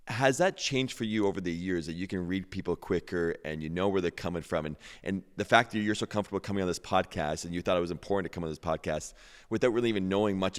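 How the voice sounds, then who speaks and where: Deep-voiced man hosting a podcast. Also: in a large hall. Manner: curious, repeats words, lots of short reactions. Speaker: podcast host. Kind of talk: conversational interview.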